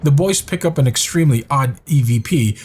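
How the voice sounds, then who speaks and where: A man reading scripted narration for a countdown video in a measured, even storytelling manner. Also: medium pitch, soft background music.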